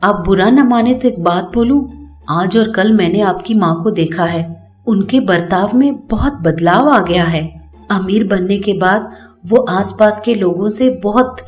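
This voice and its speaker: A woman's voice: mid-range voice, a little slow, soft background music, close to an everyday voice. A woman voicing a kind, clever young daughter-in-law in a cartoon story. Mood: gentle. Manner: gentle, coaxing.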